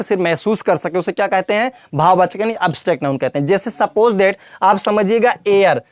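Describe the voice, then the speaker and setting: A high-pitched man teaches English grammar in a classroom lesson, repeating points and quizzing the viewer, whom he calls brother and child. There is no room sound.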